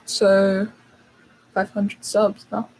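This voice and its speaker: A woman's voice: mid-range voice, completely flat delivery, drawn-out words, darkish tone, slight background noise, rough recording. A young British woman hosting a casual livestream, chatting and answering viewers' questions with lots of fillers. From United Kingdom. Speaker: channel host.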